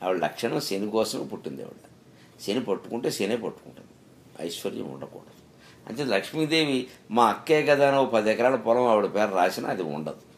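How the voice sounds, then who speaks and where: A man's voice: lowish voice, big pitch swings, fairly quick, slight background noise. A middle-aged man giving a spiritual discourse, telling stories and asking rhetorical questions with emphatic rises. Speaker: spiritual speaker.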